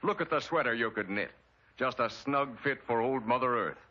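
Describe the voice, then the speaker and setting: In the manner of a 1940s wartime propaganda film, an American man gives a dramatic, emphatic scripted narration in a mid-range, expressive voice at a moderate pace. The audio is a dull vintage 1940s soundtrack beneath a loud orchestral score.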